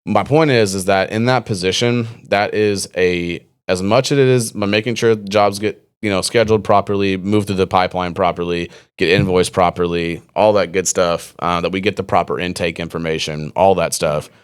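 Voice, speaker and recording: A man's voice: sits low, fairly even intonation, normal speed, hardly any pauses, smooth. A man hosting a podcast interview, talking casually and rambling with many fillers and restarts. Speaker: podcast host.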